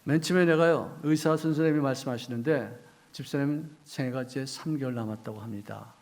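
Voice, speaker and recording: A middle-aged male pastor preaching a sermon, quizzing the congregation and acting out quoted voices, with sudden swings between loud outbursts and hushed asides. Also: medium pitch, fairly quick.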